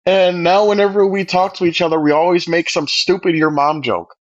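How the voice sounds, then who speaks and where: Young guy ranting a story, cussing a lot, kinda high voice, muffled call audio. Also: fairly even intonation, fairly quick. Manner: swearing, laughing storytelling. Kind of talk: casual chat.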